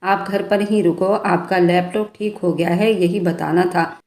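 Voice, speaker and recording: A woman's voice: lowish voice, fairly even intonation, measured pace, darkish tone. Stern young male boss, read by a woman, commanding, in an echoey room. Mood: calm.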